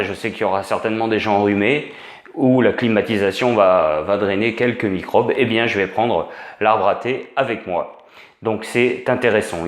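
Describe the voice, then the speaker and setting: A man's voice: on the low side, echoey room. A man giving an informal spoken lesson as an instructor, hesitant, with many fillers and restarts. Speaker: essential oils instructor.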